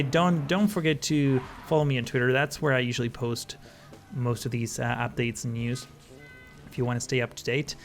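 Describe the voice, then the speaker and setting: Male host, mid-pitched voice, laid-back rambling gameplay commentary, faint music underneath. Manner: relaxed, rambling, many fillers and self-corrections. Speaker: gaming channel host.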